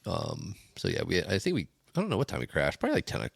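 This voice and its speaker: A man with a lowish voice chatting on a podcast, easygoing and agreeable, full of "yeah" and "you know". He sounds close and dry. His speech runs loose and unhurried. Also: wildly swooping pitch, gravelly, husky, no echo. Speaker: podcast co-host. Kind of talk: casual chat.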